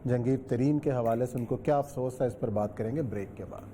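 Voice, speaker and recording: A man hosting a TV talk show, steadily prompting his guest with questions. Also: mid-range voice.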